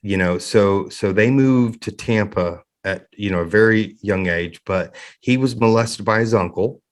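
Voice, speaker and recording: A middle-aged man telling a personal story in an interview, halting and emotional, choked up with grief and fighting back tears. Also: on the low side. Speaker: interview guest.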